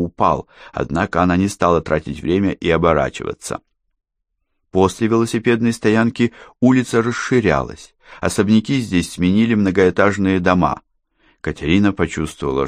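Deep-voiced male audiobook narrator. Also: dry recording, clean studio sound.

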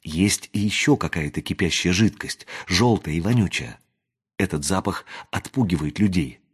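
Hushed wary young woman, whispered lines, storybook reading, voiced by a man, husky. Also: sits low, lively intonation, normal speed, full character voice. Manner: whispering, hushed and matter-of-fact.

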